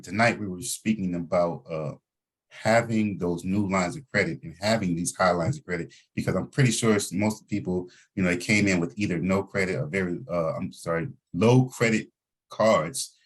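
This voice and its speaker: A man with a very deep, husky voice speaks through group voice chat audio. He coaches the people on the call and repeats his main points to make them stick. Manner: instructive, repeats key points for emphasis. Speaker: host of an online financial team meeting.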